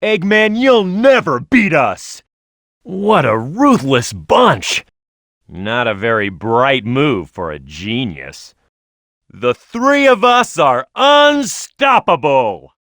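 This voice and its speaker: Knuckles, brash cartoon fighter with dynamic pitch. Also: male voice, sing-song, slow, a bit bright, dry recording, clean studio sound, heavily acted. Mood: cocky defiance. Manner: brash, punchy, confident. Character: tough, cocky, hot-headed young male cartoon echidna fighter. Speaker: playable video game character. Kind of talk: video game voice lines.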